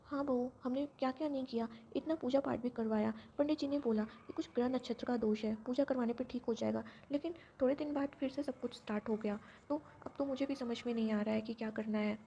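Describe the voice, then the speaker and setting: A woman's voice: fairly high pitch, steady tone, brisk, hardly any pauses, warm tone, slight background noise, close to an everyday voice. A woman doing a doting old grandmother. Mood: reassuring. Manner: reassuring, firm with daughter-in-law. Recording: dull lo-fi recording.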